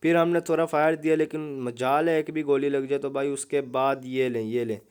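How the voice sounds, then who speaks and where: A man's voice: mid-range voice, steady tone, normal speed, darkish tone, clean tone. A young man, giving casual, joking commentary over mobile gameplay. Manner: joking, chatty, keeps saying "bhai sahab". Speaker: gaming YouTuber.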